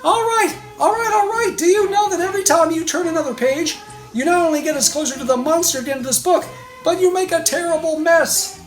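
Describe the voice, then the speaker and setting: A woman's voice: very high voice, music in the background, pitched above the performer's own voice, low-quality recording. A woman voicing Grover, a timid furry monster who begs and pleads in a frantic storybook reading. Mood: frantic pleading. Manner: frantic, pleading, drawn-out begging. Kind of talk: storybook read-aloud.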